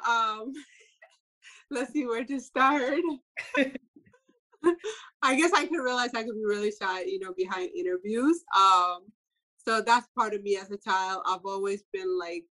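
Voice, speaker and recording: A young woman from Ethiopia, a fashion designer, giving a relaxed interview with frequent soft laughs and filler words. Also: mid-range voice, poor audio. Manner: soft-spoken, laughs often, many fillers. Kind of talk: casual interview answers.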